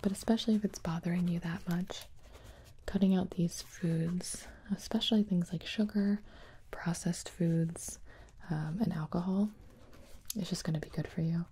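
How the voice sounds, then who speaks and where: A young woman in a whispered role-play as a calm, attentive doctor, speaking in a soft, breathy whisper with a gentle, reassuring manner. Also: lowish voice, moderate pace, a little hiss or hum. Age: young adult. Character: calm, attentive female doctor examining a patient. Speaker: ASMR performer playing a doctor.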